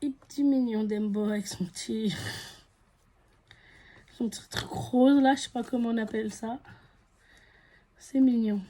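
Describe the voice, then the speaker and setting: A woman's voice: on the high side, fairly even intonation, unhurried, long pauses, warm tone. A woman with a French accent chatting casually as she opens surprise packets, guessing aloud what is inside. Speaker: vlogger. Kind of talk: casual unboxing chat.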